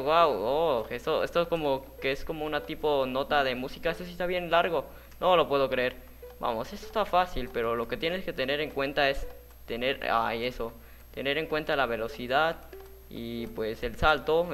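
A man's voice: mid-range voice, a bit bright, slight background noise. A man hosting a gaming video, talking viewers through a parkour map in a chatty way and yelping and laughing when he falls. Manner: chatty, talks to viewers while playing; jumpy, yelps and laughs at his own falls. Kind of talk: let's-play gameplay commentary.

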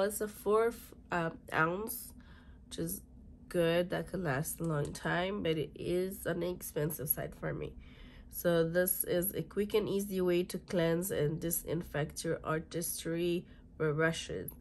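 This woman in her thirties is a beauty vlogger, sick with a cold that leaves her hoarse, raspy and congested. Sitting in a small bedroom with a fluffy chair, she casually unboxes products and stumbles through reading their labels, her fairly low voice carrying a faint hiss or hum.

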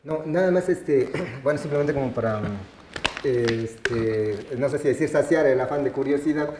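A man's voice: medium pitch, normal speed, background noise. A man with a Mexican accent interviewing a guest at a museum, speaking hesitantly and using many fillers. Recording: roomy with faint ambience.

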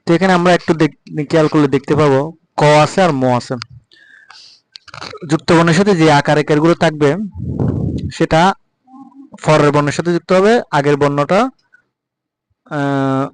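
A man with a Bengali accent giving a patient spoken pronunciation lesson, repeating example words slowly. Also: fairly high pitch, steady tone, smooth, poor audio. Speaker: Sanskrit recitation teacher.

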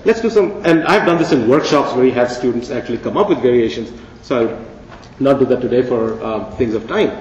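There's a little hiss or hum on this distant, dull and echoey recording of a keynote in a large conference hall. The man speaks fairly quickly at medium pitch, in a playful, conversational style sprinkled with rhetorical questions.

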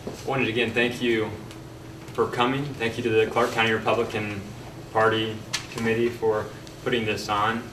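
A young man giving a prepared campaign closing speech as a candidate, earnest and halting with pauses. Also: fairly low pitch, little pitch movement. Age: young adult. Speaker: political candidate. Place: meeting room, at a podium. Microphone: podium mic, picked up by distant camera. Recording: roomy, distant mic, faint background noise.

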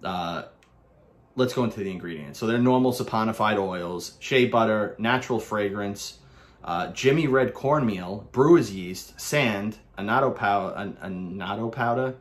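A man with a Brooklyn New York accent talks through a soap review in a casual, rambling way. His voice sits a little low, and he keeps restarting his sentences with plenty of filler words. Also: unhurried.

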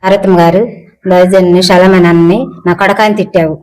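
A woman making a demanding accusation in a flat delivery. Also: on the low side, fast, rough recording. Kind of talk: angry rant.

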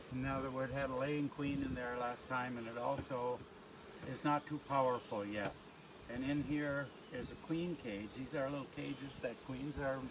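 Male beekeeper, patient explainer, mid pitch, outdoor demo, heavy background noise. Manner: patient, explanatory, a little joking. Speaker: beekeeper teaching a hive demo. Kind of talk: hands-on outdoor demonstration. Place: outdoors at beehives. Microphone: no working mic, picked up from a distance. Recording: very noisy outdoor live stream.

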